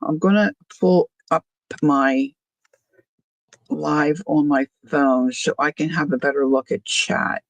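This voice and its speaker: An older woman talks at an unhurried pace in a gravelly, creaky voice. Her speech is a little slurred, as it is with no front teeth in. She rambles casually from one aside to the next, like a host chatting to her livestream. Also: sits low, fairly even intonation, no echo, low-quality recording. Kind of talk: casual chat.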